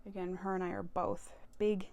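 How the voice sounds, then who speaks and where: Showing off her crystal haul, a woman who vlogs about tarot and crystals talks casually at a moderate pace in a lowish, darkish voice with a level tone. She's enthusiastic and often corrects herself mid-sentence.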